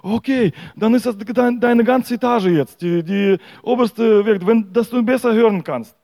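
A man's voice: sits high, moderate pace, warm tone, dry recording, pitched above the performer's own voice. A man voicing a distressed homeowner who pleads urgently for help. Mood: pleading.

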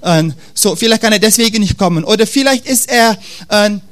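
A man's voice: sits high, brisk, fairly bright tone. A man acting out a scornful ancient male prophet who sarcastically mocks rival priests. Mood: mocking. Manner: sarcastic, taunting.

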